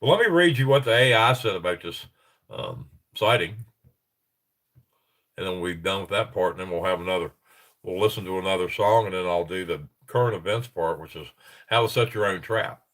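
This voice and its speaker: A brisk, low voice with a fairly bright tone belongs to this middle-aged host, whose stuffy congestion is obvious as he reads reports on a relaxed livestream. He rambles, chuckles, and keeps interrupting himself.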